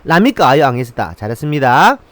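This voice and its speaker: Male tutor, animated delivery, dry close sound, slow phrase drills. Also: medium pitch, no echo. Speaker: language teacher. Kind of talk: language lesson, repeating phrases.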